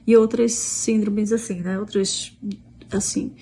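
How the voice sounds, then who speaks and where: A woman's voice: mid-range voice, little pitch movement, slow pace, dark tone, breathy edge. A middle-aged Brazilian woman with a Brazilian Portuguese accent, casually retelling a conversation with many restarts and quoted dialogue. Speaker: vlogger, mother. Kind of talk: casual storytelling.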